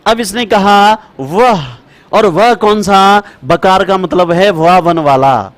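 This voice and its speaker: A man teaches a class in a high voice. He speaks slowly and chants each rule several times so students can write it down. He calls them brother and child as he talks. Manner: repetitive, chanting rules for dictation. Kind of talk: classroom lecture.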